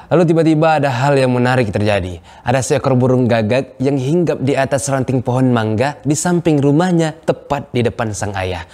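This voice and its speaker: A young man from Riau, Indonesia, telling a religious moral story in an earnest, measured way. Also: mid-range voice, darkish tone. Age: young adult. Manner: earnest, measured, chants scripture verses. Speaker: student storyteller.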